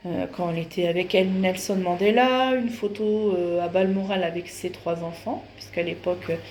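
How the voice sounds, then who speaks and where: A woman vlogger shows off her books in a casual show-and-tell, chatting hesitantly with lots of fillers. Her voice is lowish and darkish in tone, at a normal speed. The room echoes and carries faint noise.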